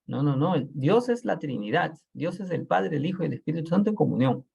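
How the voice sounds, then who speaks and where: A man teaches a Bible class over a video call. His voice is gravelly and husky, and it rises and falls in a lively way. He explains step by step and keeps checking that his listeners follow. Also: on the high side, fairly quick, dull audio.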